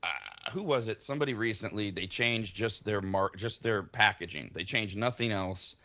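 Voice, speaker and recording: A man hosting a morning radio show, telling stories in casual banter with an animated style and many restarts. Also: lowish voice, normal speed. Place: radio studio.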